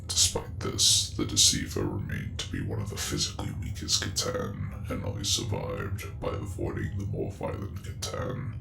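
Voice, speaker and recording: A man playing a gruff space marine in a whispered role-play, solemnly reciting dark lore in a slow, measured, gravelly voice. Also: heavily acted. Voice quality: gravelly, breathy low voice. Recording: roomy echo under music. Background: music.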